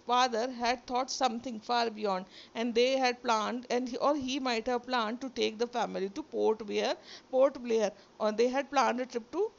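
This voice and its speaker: Using a phone or screen recorder mic, a Sindhi-speaking woman teacher with an Indian English accent reads a story from a textbook and explains it line by line, moving into Hindi. Her voice is a little high and gravelly, and the audio sounds dull.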